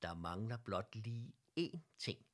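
A man voicing a friendly male teddy bear who coaches the others in cycling, giving calm, encouraging instructions. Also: on the low side, close to an everyday voice. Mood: instructive.

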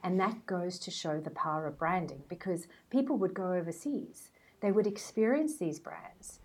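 The audio is poor, but this woman's fairly low voice comes through at a normal speed with a breathy edge. A South African brand strategist in her forties, she's a podcast guest who chats and tells stories during the interview.

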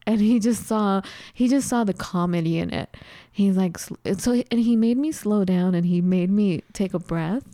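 A woman's voice: medium pitch, moderate pace, dark tone, no echo, clean studio sound. A woman co-hosting a casual talk show, telling stories with lots of animation and frequent laughter. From studied in England. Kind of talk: casual storytelling chat.

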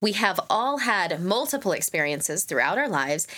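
Lively, bright-voiced woman podcast host. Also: mid-range voice, normal speed. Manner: laughs often, swears freely. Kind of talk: casual chat, reading listener stories aloud.

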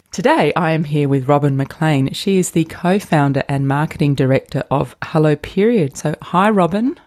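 A woman's voice: low voice, dark tone. A middle-aged woman hosting a podcast interview, asking questions and chatting with short friendly acknowledgements. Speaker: podcast host.

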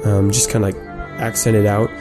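A man narrating a tabletop game as game master, describing scenes in halting, improvised detail. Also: lowish voice, flat delivery, music in the background.

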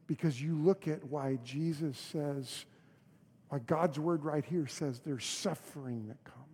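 Animated male pastor in a reverberant hall. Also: medium pitch, breathy edge. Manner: animated storytelling, many restarts. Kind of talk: sermon.

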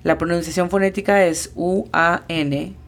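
A woman's voice: on the low side, fairly even intonation, unhurried. A woman teaching an English lesson in a podcast, patiently spelling out pronunciations letter by letter.

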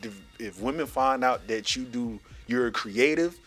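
A middle-aged man with a Philadelphia accent hosting a casual podcast chat, an animated storyteller who jumps up high when he quotes other people. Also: moderate pace, soft background music. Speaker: podcast host.

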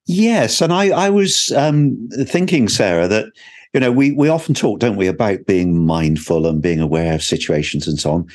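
A man's voice: lowish voice, expressive, moderate pace, darkish tone. A man from Britain co-hosting a wellbeing podcast, speaking hesitantly as he searches for his words. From United Kingdom. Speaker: podcast co-host. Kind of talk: casual podcast discussion.

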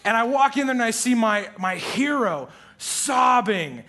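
A young man from Iowa speaks from a church stage, his voice pitched high for a man and ringing with a forceful brightness. He jokes about himself and laughs easily as he introduces himself to the congregation. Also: expressive, measured pace. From Iowa, USA. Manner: playful, self-deprecating, laughs often. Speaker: church pastoral resident. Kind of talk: humorous self-introduction to a congregation.

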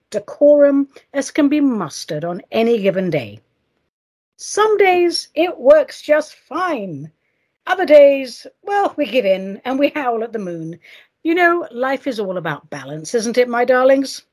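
A woman's voice: on the high side, a little mellow. A woman hosting a solo show in a playful, theatrical way, addressing listeners fondly. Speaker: show host.

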